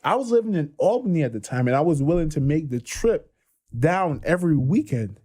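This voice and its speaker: A man in his twenties, a guest on a podcast, telling his story in a casual, excited way, full of slang and restarts. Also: fairly high pitch, brisk. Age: 20s.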